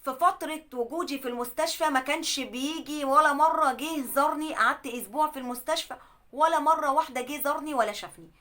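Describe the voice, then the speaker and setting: Fast, bright Egyptian woman storyteller. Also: sits high. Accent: Egyptian Arabic. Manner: emotional, animated storytelling. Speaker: storyteller and advice host. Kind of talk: dramatic first-person story narration.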